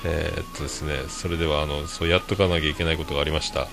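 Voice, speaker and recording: A man with a hoarse voice, hosting his own show and chatting casually to listeners with many fillers and chuckles. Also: extremely low pitch, flat delivery, very fast, fairly bright tone, soft background music. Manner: rambling, many fillers, laughs at own jokes. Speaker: podcast host. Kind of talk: casual solo chat to listeners.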